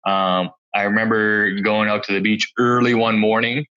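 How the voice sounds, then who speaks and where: Low, bright-toned man telling stories. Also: level tone, moderate pace, clear, resonant tone, muffled recording. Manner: easygoing, reminiscing, chuckles between stories. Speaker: former pro hockey player, podcast guest. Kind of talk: relaxed anecdotal interview storytelling.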